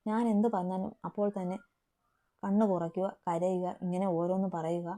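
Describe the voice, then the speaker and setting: A brooding, intense young man, stern and possessive with his lover, as a woman reads him aloud. The voice sits dark and mellow. It comes from a romantic audio story. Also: lowish voice, fairly even intonation, moderate pace, lightly acted. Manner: stern then tender.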